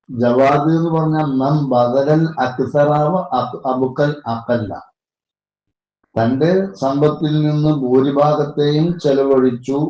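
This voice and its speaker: A man with a Malayalam accent, working as a religious teacher, slowly explains the grammar of a classical Arabic poem and parses it word by word. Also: medium pitch, mellow, dull audio. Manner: slow, deliberate parsing with Arabic terms. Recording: echoey room with faint noise.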